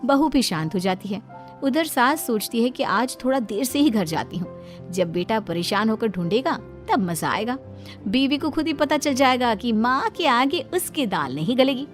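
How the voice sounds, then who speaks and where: A woman narrating a cartoon moral story in a steady storytelling manner. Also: on the high side, normal speed, soft background music.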